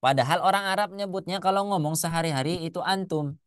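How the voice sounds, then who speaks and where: A man teaching a Quran recitation class, asking his students questions and slowly chanting Arabic examples. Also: high-pitched, noisy background. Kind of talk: classroom lesson.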